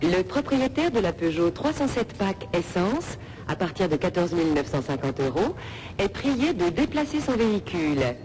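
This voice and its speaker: Woman, formal announcer heard over a PA system; middle pitch that moves a lot, faint room hum behind. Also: sing-song, normal speed, a little mellow, rough recording. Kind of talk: mock store loudspeaker announcement.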